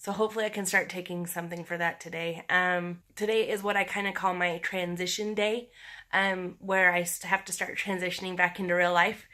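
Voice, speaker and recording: A woman with a scratchy, sore-throat voice talking in a halting, candid, conversational way, as in a casual personal video diary. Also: fairly low pitch, little pitch movement, bright, forceful tone. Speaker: personal vlogger.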